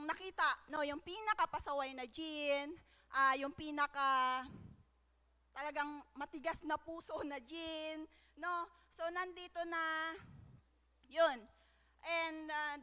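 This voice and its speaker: A young woman with a very high, bright voice shares her personal testimony at church. She speaks haltingly, filling gaps with fillers and checking in with tag questions, and her words trail off into the long reverb of a large hall. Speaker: church member giving testimony.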